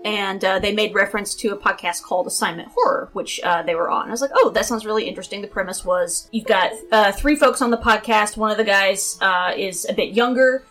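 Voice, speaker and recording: A woman's voice: medium pitch, fairly quick, hardly any pauses, fairly bright tone, soft background music. A woman from Tennessee with a Southern Tennessee accent, chatting casually on a podcast in a rambling, self-interrupting way. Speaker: podcast guest or panelist.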